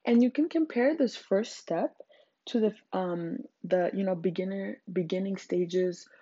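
A young Zimbabwean woman hosts her own podcast alone, speaking English as a second language in an earnest, emphatic style full of fillers. Her husky, dark voice is medium-pitched and unhurried, captured in a dry, dull-sounding recording.

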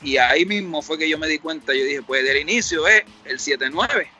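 A man's voice: a little high, lively intonation, moderate pace, pushed and bright, faint music behind. A middle-aged man with a Puerto Rican Spanish accent, a rapper telling his story in a casual interview, rambling and reflective, acting out the dialogue he quotes. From Puerto Rico.

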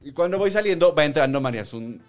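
A man's voice: fairly high pitch, lively intonation, fast talker, soft background music. A young man with a Mexican Spanish accent, hosting a podcast in casual chat. He tells stories with energy, acts out the voices of the people he quotes and laughs often. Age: young adult. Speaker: podcast host.

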